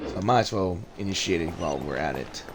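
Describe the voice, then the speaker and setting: A man's voice: low-pitched, lively intonation, fast talker, background noise. Chatty male gaming streamer. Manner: chatty, reads game dialogue aloud. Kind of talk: casual gameplay commentary.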